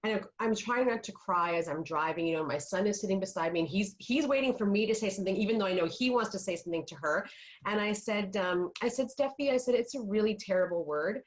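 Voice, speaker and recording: A woman's voice: medium pitch, fast talker, poor audio. A woman on a video call, telling a parenting story earnestly and quoting her own words at length. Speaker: panelist parent. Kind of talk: virtual panel discussion.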